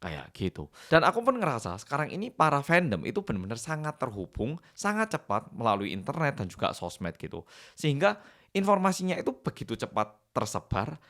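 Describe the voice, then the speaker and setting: A young Korean man, speaking thoughtfully in casual commentary to camera and weighing both sides. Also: medium pitch. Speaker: YouTuber.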